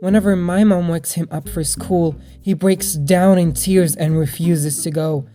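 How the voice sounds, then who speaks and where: Young woman storyteller with a low, mellow voice. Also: fairly even intonation, measured pace. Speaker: storytime video narrator. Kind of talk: personal storytelling narration. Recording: music bed behind the voice. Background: background music.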